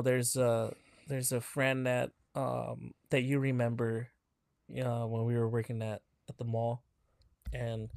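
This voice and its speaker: A man's voice: mid-range voice, gravelly, no echo. A man in his thirties co-hosting a podcast in casual chat, rambling and laughing often. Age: 30s. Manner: rambling, laughs often, quotes others in a hushed voice. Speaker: podcast co-host.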